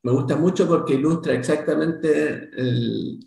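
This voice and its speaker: A man from Chile, a guest consultant talking in a casual interview, animated and talkative. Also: on the high side, unhurried, gravelly, echoey room. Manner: animated, talkative, many restarts. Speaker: guest, SAP SuccessFactors consultant.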